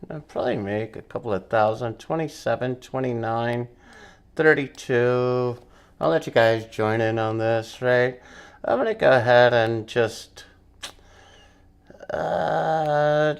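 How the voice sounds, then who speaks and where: Slow-paced, creaky-voiced man livestreaming trades. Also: mid-range voice. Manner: rambling, muttering to himself between reactions; blunt, swears casually. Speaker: day trading livestream host. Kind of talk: casual livestream trading commentary.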